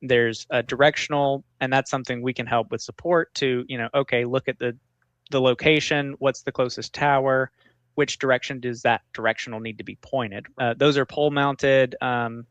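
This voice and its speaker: Male tech support guest, medium pitch, informal explainer, dry recording. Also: steady tone, normal speed, fairly bright tone, no room sound. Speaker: technical support manager, interview guest. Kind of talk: conversational technical explanation.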